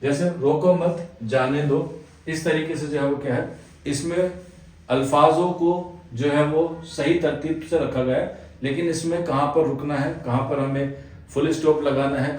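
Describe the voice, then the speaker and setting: A man's voice: mid-range voice, a little mellow, recorded from a distance. A man teaching an exam answer-key lesson, explaining step by step and constantly padding his sentences with the same filler phrase. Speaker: Urdu exam coaching teacher. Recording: very echoey room, voice off-mic.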